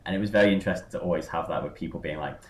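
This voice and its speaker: A man's voice: low-pitched, racing. A man hosting a podcast, rambling through a casual chat with lots of fillers and tangents. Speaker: podcast host. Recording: roomy echo.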